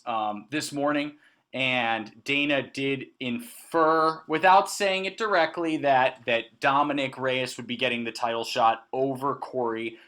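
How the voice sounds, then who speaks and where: A man co-hosting a casual sports podcast, animated and prone to hesitant restarts as he leads each segment. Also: medium pitch. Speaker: podcast co-host.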